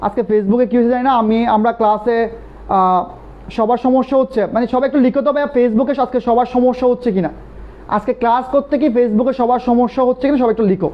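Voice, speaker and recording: A young man teaching English grammar in a live online class, drilling points over and over in a lively, repetitive way. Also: extremely high pitch, quick pace. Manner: animated, repetitive drilling, calls students brother. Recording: dull lo-fi live stream audio.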